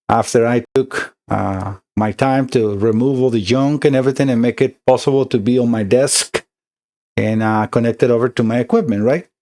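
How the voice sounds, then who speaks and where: A middle-aged man from Costa Rica, speaking with a Costa Rican Spanish accent, walks through an electronics repair step by step. His voice is average in pitch and a little mellow, and his conversational delivery is full of fillers and restarts.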